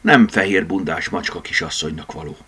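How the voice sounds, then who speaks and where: A man voicing a proud, quick-tempered male tomcat in an audiobook, anxious in manner. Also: sits low, pushed and bright, slightly rough, full character voice.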